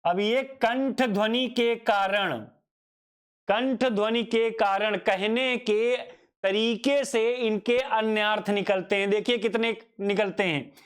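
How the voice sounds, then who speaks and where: A man's voice: high-pitched, slow pace, smooth. A man teaching a grammar lesson, asking himself questions, repeating each definition and calling his students "child". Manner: addresses students fondly as child. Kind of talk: Hindi grammar lecture.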